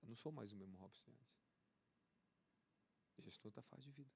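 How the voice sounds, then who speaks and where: A man with a Brazilian Portuguese accent preaching a charismatic sermon as an apostle, fervent and repetitive, rising to excited peaks. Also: mid-range voice, quick pace, vocal fry, a little hiss or hum.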